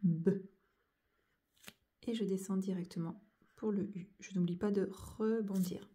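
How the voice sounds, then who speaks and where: A woman's voice: medium pitch, fairly even intonation, normal speed, dark tone. A woman teaching young children to join cursive letters, going over each stroke and sound patiently, one step at a time. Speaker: handwriting teacher.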